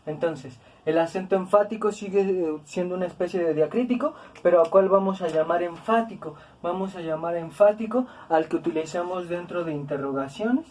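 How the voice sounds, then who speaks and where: A woman's voice: fairly low pitch, brisk, hardly any pauses, darkish tone, recorded from a distance. A woman teaching a grammar lesson, patient and repetitive, with tag questions and fillers. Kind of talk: explanatory lesson.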